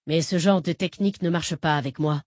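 A woman's voice: sits low, a little fast, a little mellow, no echo, studio quality. A woman reading the part of a defiant male lawyer held captive, blustering and cursing. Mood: scornful. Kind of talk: audiobook character reading.

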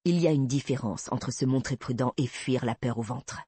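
A gruff male police investigator, as the narrator puts him on, firm and protective, his voice pitched low. Slightly husky and very dry, read close for a storybook. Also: moderate pace, warm tone, no echo.

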